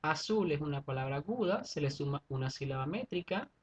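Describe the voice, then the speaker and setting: A man's voice: a little high, expressive, fairly quick, slightly rough. A man teaching a secondary school class, going through steps methodically and often checking in with his students. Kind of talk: online class explanation.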